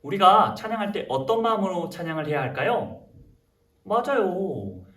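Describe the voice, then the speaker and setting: A young man, a junior pastor, leading a lively sermon for kindergarten children, coaxing and animated. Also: high voice, moderate pace. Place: church room. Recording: roomy and distant.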